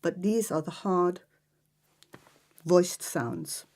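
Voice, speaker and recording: A woman teaching phonics to trainee teachers, slowly drawing out each example sound. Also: fairly low pitch, darkish tone. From Ireland.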